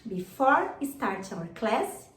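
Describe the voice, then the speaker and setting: A woman's voice: a little high, big pitch swings, takes it slowly, a bit bright. A woman narrating an English language lesson for children as the teacher, encouraging pupils with praise and simple repeat-after-me words. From Brazil. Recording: roomy echo, faint background noise.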